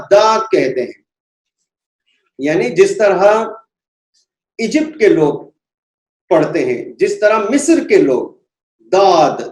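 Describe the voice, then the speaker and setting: Guy teaching quran letters super slow, repeats every sound a bunch, echoey room. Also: high-pitched, darkish tone. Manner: deliberate, repeats each letter sound several times. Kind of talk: slow instructional lesson.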